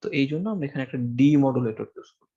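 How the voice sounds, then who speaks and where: Fast and lively, a man with a medium-pitched, mellow voice delivers a university lecture over a classroom mic and amplifier. He breaks things down step by step, asks the students questions, and leans on fillers often, all captured in dull audio.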